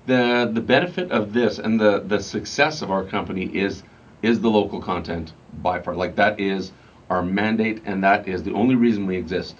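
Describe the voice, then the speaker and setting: A man's voice: fairly low pitch, moderate pace, husky. A man, a radio morning show host, casually explaining his work with lots of fillers and restarts. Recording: slightly dull lo-fi sound with faint music.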